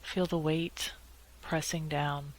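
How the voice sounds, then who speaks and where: A low-pitched woman guides a meditation, speaking calmly and evenly in short phrases separated by long pauses. The recording quality is rough.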